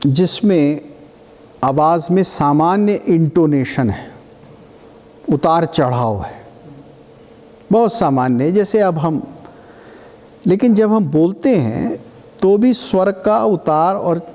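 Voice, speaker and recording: Guy lecturing real slow to a class, echoey hall. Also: on the high side, expressive, warm tone. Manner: explains slowly and breaks into chanted demonstrations.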